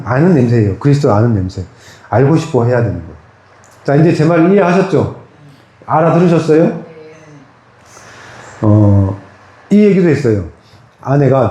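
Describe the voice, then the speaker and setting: A man's voice: medium pitch, dark tone. A man preaching a sermon in a small church, talking in a conversational way and putting questions to the congregation. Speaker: pastor. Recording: echoey church room.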